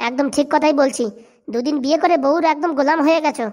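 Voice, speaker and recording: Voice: high-pitched, quick pace, darkish tone, lightly acted. A voice actor playing an indignant young village man in a cartoon comedy, arguing and reproaching.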